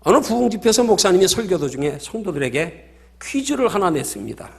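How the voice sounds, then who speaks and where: A man's voice: high voice, very animated, fairly quick, vocal fry. A male pastor preaching a sermon, emphatic and full of stories.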